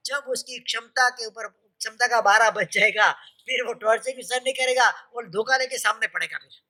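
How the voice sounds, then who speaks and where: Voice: medium pitch, bright, forceful tone, poor audio. Jain preacher in their 50s giving a sermon, lots of questions and repeated lists, storytelling.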